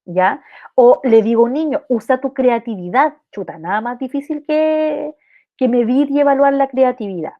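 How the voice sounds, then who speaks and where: Heard over phone-quality sound, a woman with a Chilean accent and a high-sitting, animated voice teaches an online language lesson at a moderate pace. She walks through each step and often checks on her students with rhetorical questions.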